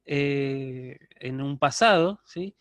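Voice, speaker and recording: A man's voice: medium pitch, drawn-out words, fairly bright tone, dry recording. A man giving a university lecture online, explaining step by step and checking in with his students. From Argentina.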